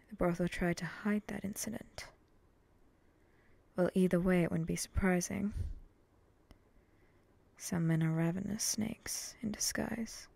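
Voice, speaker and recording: Woman as guarded, vengeful samurai for ASMR role-play: slow, gravelly, mellow, curt and deadpan. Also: on the low side, no echo, exaggerated voice. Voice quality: breathy, often dropping in a soft voice.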